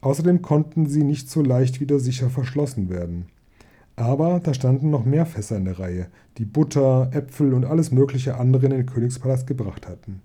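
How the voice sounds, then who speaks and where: Male audiobook reader, deep mellow tone, calm, even storytelling delivery. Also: a little fast. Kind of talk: storybook reading.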